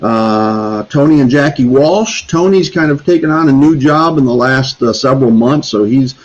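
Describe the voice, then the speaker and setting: A man's voice: medium pitch, normal speed. Guy rambling thru thank-yous on a homestead livestream, uhs and restarts, kinda dull lo-fi sound. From Northeast Florida. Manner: rambling, many fillers and restarts. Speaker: homesteading channel host. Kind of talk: casual livestream chat.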